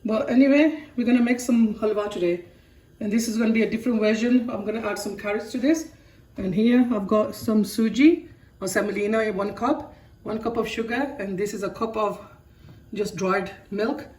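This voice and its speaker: A woman's voice: mid-range voice, moderate pace, darkish tone, distant mic. A woman giving a casual, informal cooking demonstration to viewers, her voice thick and congested with a sore throat and cough. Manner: informal, addresses viewers directly as guys. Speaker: home cooking vlogger. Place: home kitchen. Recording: roomy kitchen, off-mic, with noise.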